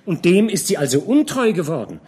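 Gossipy innkeeper woman, read by a man, raised husky voice, lively conspiratorial delivery, audiobook. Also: brisk, full character voice. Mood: eager gossip. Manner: chatty, conspiratorial, hushed to shrill. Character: gossiping middle-aged female innkeeper, scandalized.

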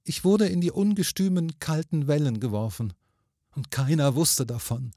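A man's voice: a little high, moderate pace, mellow, no room sound, clean studio sound, pitched above the performer's own voice. A man voicing the faint, sweet ghost of a murdered young woman in a storybook reading, pleading and lamenting. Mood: mournful.

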